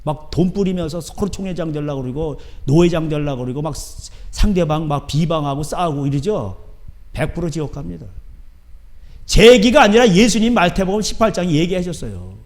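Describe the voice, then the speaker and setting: A middle-aged male pastor preaching a sermon in a church, talking emphatically with constant rhetorical questions and sudden shouts. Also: lively intonation, fairly quick. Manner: swings between loud shouting and low asides. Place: church sanctuary.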